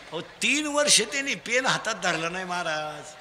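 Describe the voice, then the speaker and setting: A man with a Khandeshi Marathi accent preaching a humorous kirtan sermon, teasing and drilling children in call-and-response and shouting prompts at them. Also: sits high, big pitch swings, moderate pace, big-room sound, noisy background.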